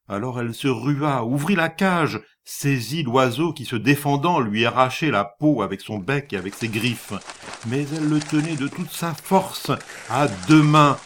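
Slow, dramatic male storyteller. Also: medium pitch, a bit bright. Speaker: narrator. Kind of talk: literary story reading.

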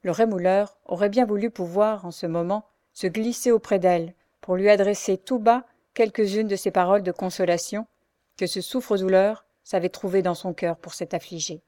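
A woman narrating a classic novel in a measured, dramatic way. Her voice sits mid-range. The recording is close and dry. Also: mid-range voice, steady tone, dark tone, no echo. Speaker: audiobook narrator.

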